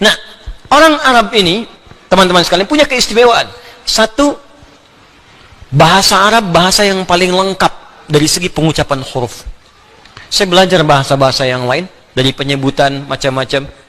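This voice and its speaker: A middle-aged man giving an animated religious lecture, often laughing and sounding out letters. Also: high-pitched, moderate pace, pauses often. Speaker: Islamic preacher.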